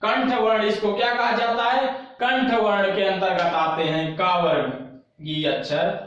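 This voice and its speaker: A man teaching an online class, asking questions and answering them himself, repeating key terms and slowly demonstrating sounds. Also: high-pitched, fairly even intonation, a bit bright. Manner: slow, drawn-out demonstration of sounds. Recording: very echoey, dull lo-fi room recording.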